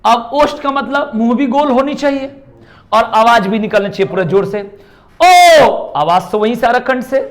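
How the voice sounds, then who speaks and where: Male classroom teacher with a very high voice, lively and drilling, often moving away from the mic. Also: fairly quick. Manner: lively, repeats sounds aloud and drills students; calls students "bhai" often. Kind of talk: classroom lecture.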